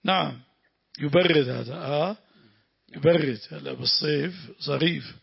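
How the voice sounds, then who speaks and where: In a dull, lo-fi classroom recording, a Lebanese-accented man comments on a Quran exegesis text as it's read aloud, repeating the reader's words, explaining, and quizzing students. His voice is fairly high, gravelly, and breathy, and he takes his time.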